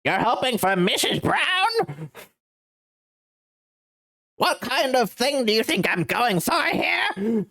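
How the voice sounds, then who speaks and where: A woman's voice: on the high side, big pitch swings, takes it slowly, pauses often, a bit bright. A woman streaming live, teasing her chat playfully between game lines.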